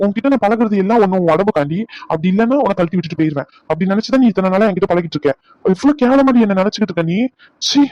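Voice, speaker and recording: A man's voice: high voice, darkish tone, no room sound. A man voicing a young male doctor who teases and scolds his bride-to-be in a dubbed serial drama. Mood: indignant. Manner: teasing, scolding banter. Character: young male doctor, teasing and bossy lover. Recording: dull dry recording.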